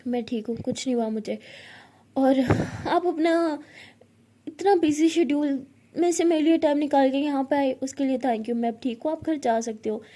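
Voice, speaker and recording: A woman's voice: sits high, moderate pace, warm tone, lightly acted. A woman voicing a hurt young woman who talks in a sulky, sarcastic way, told in storytelling with voiced dialogue.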